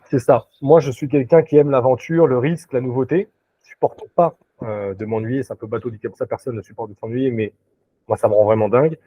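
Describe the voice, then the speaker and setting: A man's voice: mid-range voice, steady tone, brisk, dry recording. A man who works as a recruiter, talking as a guest in a casual interview over a video call, hesitant, with many fillers and restarts. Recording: dry tinny video-call audio.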